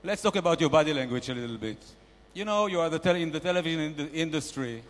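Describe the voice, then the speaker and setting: Playing a bragging "shark" investor, a male comedian delivers a character bit on a conference panel, loudly and bossily pitching mock-grand business tips. He talks fast in a near-everyday voice, with the reverb of a big conference hall around him.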